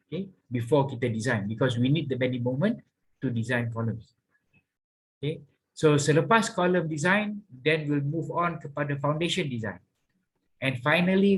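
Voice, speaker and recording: A man's voice: medium pitch, slightly rough. A man, a university lecturer giving an online class, mixing English with Malay and using many fillers. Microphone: online class call.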